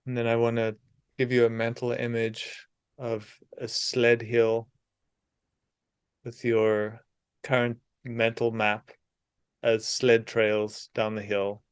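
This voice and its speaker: A man's smooth, mid-range voice leads a guided meditation in a monotone, soothing and unhurried, with long gaps between short phrases. No room sound can be heard.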